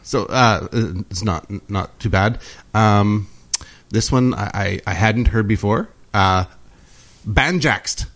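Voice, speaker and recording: A man co-hosting a casual podcast chat, halting with restarts and fillers, often laughing. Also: fairly low pitch, fairly bright tone. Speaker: podcast co-host.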